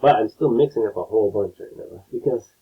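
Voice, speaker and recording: Man, art teacher, painting demo, husky voice, tinny low-quality stream audio. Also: brisk. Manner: relaxed, explains step by step, keeps checking in with "right?". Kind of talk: painting demonstration lesson. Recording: tinny lo-fi phone-like sound.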